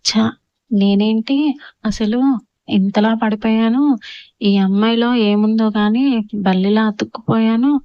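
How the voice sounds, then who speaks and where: A woman's voice: fairly high pitch, level tone, unhurried, pauses often, clear, resonant tone, dry recording, lo-fi sound, lightly acted. A woman voicing a playful young husband who muses to himself and teases his new wife. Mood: musing.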